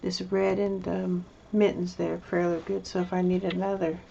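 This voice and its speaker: A woman's voice: lowish voice, level tone, moderate pace, creaky, lo-fi sound, very noisy. A woman showing her craft project in a casual, rambling vlog, often restarting her sentences. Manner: rambling, hesitant, chatty with many restarts. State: mouth full of candy. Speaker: crafting vlogger. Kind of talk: casual show-and-tell craft video.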